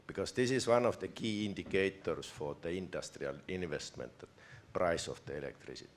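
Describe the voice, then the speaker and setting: A man from Finland, asking a question from the audience at a panel, halting and restarting his phrases. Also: deep voice, slight background noise. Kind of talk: question from the floor.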